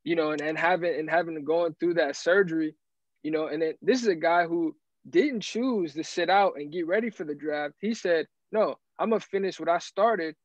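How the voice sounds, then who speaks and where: A man talks as a guest analyst in casual sports chat, animated and rambling, often restarting his sentences. His voice sits fairly high. The recording is dry and dull, with a lo-fi sound. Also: normal speed, no room sound.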